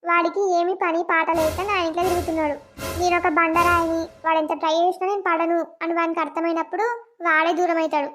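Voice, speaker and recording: A high voice playing a stern studious village girl. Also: level tone, fast, pushed and bright, faint music behind. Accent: Telangana Telugu. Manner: stern, firm. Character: stern studious young village woman, cold to suitors.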